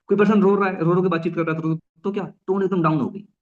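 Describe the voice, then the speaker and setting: A young man giving an energetic network marketing talk, often restarting phrases and mixing in English. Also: high-pitched, fast talker, muffled recording. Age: young adult. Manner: mixes English phrases into Hindi. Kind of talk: motivational business talk.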